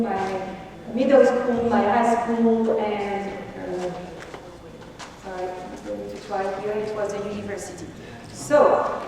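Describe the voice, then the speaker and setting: A woman from France with a French accent, speaking English as a second language while she gives a conference talk, hesitant and full of fillers as she explains her slides. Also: mid-range voice. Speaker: university researcher giving a talk. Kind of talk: conference presentation. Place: conference hall. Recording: echoey hall, distant mic, background noise.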